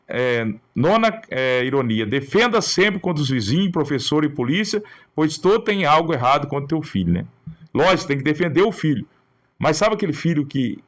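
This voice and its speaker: Man, pastor, sermon, earnest and admonishing, choppy phrases, slightly higher voice. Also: fairly bright tone. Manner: talks in short phrases, often adding a questioning tag. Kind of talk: sermon on raising children.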